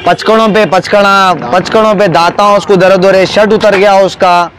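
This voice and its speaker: High-voiced man with a Hyderabadi accent. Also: fairly even intonation, normal speed, fairly bright tone. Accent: Hyderabadi Hindustani. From Hyderabad, India. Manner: earnest, pleading. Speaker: eyewitness. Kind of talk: street interview.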